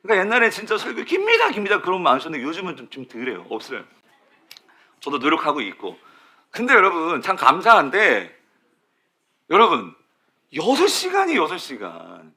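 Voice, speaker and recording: A man's voice: on the high side, wildly swooping pitch, fast talker, bright, forceful tone. A male pastor preaching a sermon to his church in a sanctuary, asking the congregation questions, answering them himself and repeating key words for emphasis.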